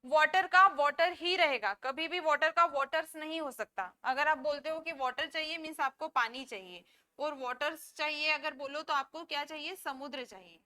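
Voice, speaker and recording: A woman with an Indian English accent teaching a classroom lecture, explaining slowly and asking and answering her own questions. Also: high-pitched, pushed and bright.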